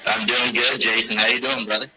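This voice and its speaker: A man's voice: medium pitch, flat delivery, a little fast, crowd noise. A man calling in to a talk show over a fuzzy, distorted internet call, chatting in a friendly, easygoing way. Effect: fuzzy distorted internet call line. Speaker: caller. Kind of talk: casual call-in chat.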